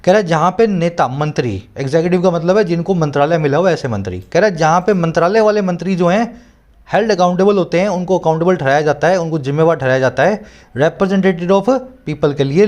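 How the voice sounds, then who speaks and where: A man's voice: on the high side, expressive, a little fast, a little mellow. A man teaching English, explaining a newspaper editorial in Hindi with English terms and an Indian English accent, often checking that the learner understands. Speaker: English tutor.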